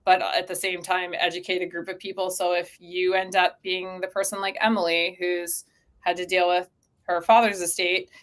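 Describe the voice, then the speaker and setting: The interview guest, a company co-founder, has a lowish voice and moderate pace. She chats casually, peppering her talk with "like" and bringing her explanations to life by playing out what imagined speakers might say.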